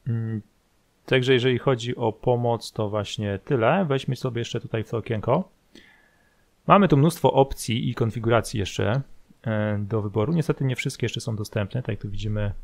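A man giving casual, somewhat halting commentary as he walks through a screen tutorial. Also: mid-range voice, creaky. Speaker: flight simulator video host. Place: voice-over recorded over screen capture.

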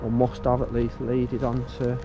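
Over background music, a man vlogs his way through an abandoned outdoor site, chatting casually as he walks and often addressing viewers as "guys." His mid-range voice is monotone at a normal speed, and the sound is lo-fi. He thinks aloud throughout.

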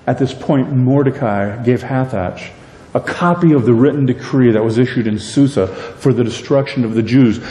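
A middle-aged man preaching a sermon from the pulpit, animated and conversational, often asking "right?". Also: mid-range voice, a little hiss or hum. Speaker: pastor. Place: church sanctuary with a pulpit. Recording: echoey church hall, voice a bit distant.

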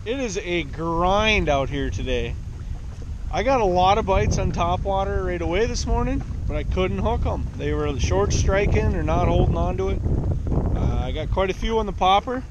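A man in his thirties chats to a close action camera from a small boat, plain-spoken and rambling. His voice sits a little high. Wind and lapping water are clearly heard around him. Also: animated, normal speed, highs cut off. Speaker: fishing vlogger. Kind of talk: casual chat to camera. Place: small boat on a lake, outdoors, then inside a truck. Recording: wind and water noise outdoors.

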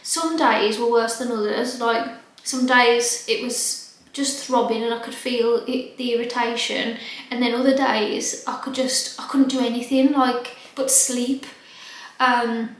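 A young adult British woman chatting casually and informally to camera as a vlogger, rambling along in an empty, echoing bedroom. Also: fairly high pitch. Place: small empty bedroom with bare walls and wood floor, indoors. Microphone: camera mic at about arm's length or more. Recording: very echoey empty room.

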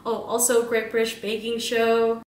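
A bubbly, giggly vlogger in her twenties chats casually about her groceries at home, rambling and leaning on fillers. Her voice is on the high side yet monotone, at normal speed. With the camera a few meters away in the kitchen, the sound comes across roomy.

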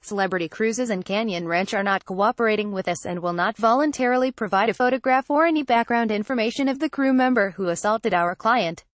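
A woman narrating a news report in a steady, scripted read. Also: on the high side, a little fast, few pauses, no echo.

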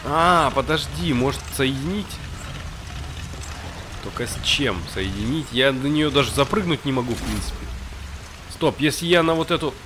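A male gamer with a mid-pitched voice comments casually as he plays. He thinks aloud in short, colloquial phrases, with faint rain and game noise behind him. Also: animated, moderate pace, pauses often. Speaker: gamer, let's-play host. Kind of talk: casual improvised gameplay commentary. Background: game ambience with rain.

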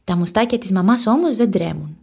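A woman narrating a children's storybook, expressive and animated. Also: medium pitch, vocal fry, slightly rough. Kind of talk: storybook reading.

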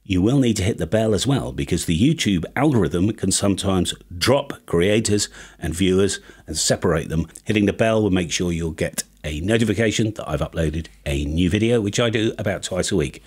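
In a small home studio with acoustic panels, a British man in his fifties presents his YouTube ham radio channel with a chatty, tongue-in-cheek comic monologue to camera. His deep, breathy voice is expressive and a little fast, captured by a studio microphone on a boom arm.

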